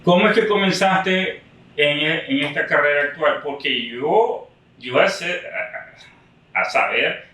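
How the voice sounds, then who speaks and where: A man hosting an interview and asking friendly, halting questions. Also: on the high side, lively intonation, sharp tone. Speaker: interviewer, host. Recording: echoey, distant from mic.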